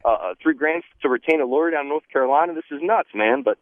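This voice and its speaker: A man's voice: a little high, animated, quick pace, no echo. A man calling in to a radio show, ranting in an exasperated way and saying "dude" and "man" a lot. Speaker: caller. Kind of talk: casual phone-in chat. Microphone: telephone. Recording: tinny phone line.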